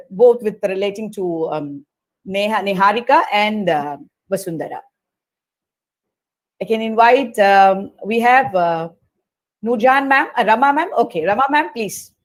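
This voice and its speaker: A woman moderating a webinar over a video call, reading out questions politely with many pauses. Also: fairly high pitch.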